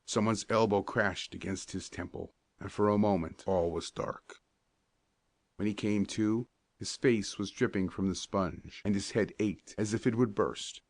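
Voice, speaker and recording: Low-voiced male audiobook narrator. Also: dry recording. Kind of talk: scripted storybook narration.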